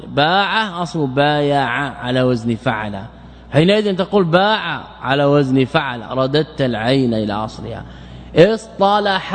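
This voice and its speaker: Man, fairly high voice, lecturing in a hall with long reverb, quizzes himself as he goes. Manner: repeats words, asks and answers his own questions. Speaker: sheikh teaching Arabic morphology. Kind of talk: classroom lecture explaining grammar.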